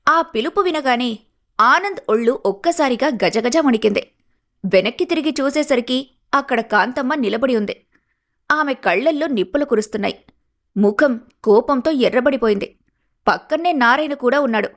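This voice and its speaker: A woman's voice: high-pitched, lively intonation, moderate pace, a bit bright. Woman narrating a cartoon story.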